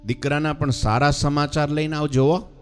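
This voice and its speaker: A man voicing a calm, commanding divine master who gives gentle, unhurried instructions. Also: a little high, faint music behind, pitched above the performer's own voice, natural voice.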